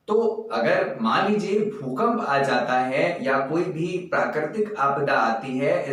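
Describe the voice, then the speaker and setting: A young Indian man teaches exam vocabulary at a slow, careful pace, spelling words out letter by letter. His voice sits a little high. The room is very echoey. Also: fairly bright tone. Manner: addresses viewers as friends, gives example sentences.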